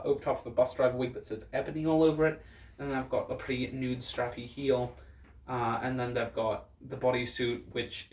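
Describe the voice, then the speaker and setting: A man in drag-queen mode critiques looks with casual, blunt, campy sass. His mid-range voice has a darkish tone, and the distant mic picks up a roomy echo.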